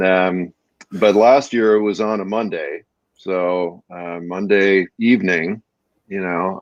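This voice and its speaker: Deep-voiced co-host from Northwest Minnesota, halting and laughing, dry dull recording. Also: male voice, gravelly, dry recording. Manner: laughs often, halting with many fillers. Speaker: podcast co-host. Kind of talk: casual chat. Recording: dull lo-fi sound.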